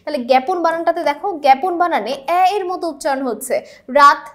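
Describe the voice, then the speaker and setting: Young female tutor with a high voice, walks through answers step by step and checks in with the class often. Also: fast talker, pushed and bright. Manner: explains step by step, often asks the class to confirm. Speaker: teacher. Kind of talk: exam-prep grammar lesson.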